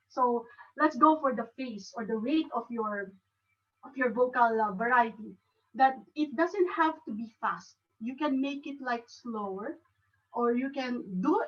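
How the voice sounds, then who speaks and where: Filipino woman speaker teaching a club session; halting, repeats words, pitched high, far from the mic. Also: muffled recording. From Philippines. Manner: halting, with frequent restarts. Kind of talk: educational talk.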